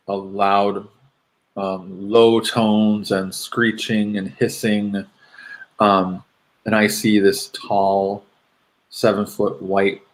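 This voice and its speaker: Man, fairly low voice, casual storytelling, hesitant, lots of ums. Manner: rambling, hesitant with many fillers. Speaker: podcast co-host. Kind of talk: casual dream recounting.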